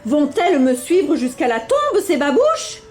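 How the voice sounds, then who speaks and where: A woman voicing a stingy old merchant who grumbles in exasperation, in a high, lively voice. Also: a little slow. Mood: exasperated. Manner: exasperated complaining.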